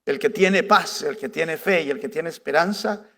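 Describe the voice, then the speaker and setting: A man's voice: on the high side, moderate pace, creaky, a bit bright. A male pastor preaching a conversational sermon, full of rhetorical questions. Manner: rhetorical questions with frequent "¿verdad?".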